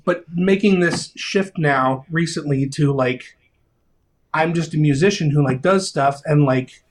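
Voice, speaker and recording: A man in his thirties, a video game composer, talking casually in an interview, rambling and excitable with lots of fillers and restarts. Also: a little high.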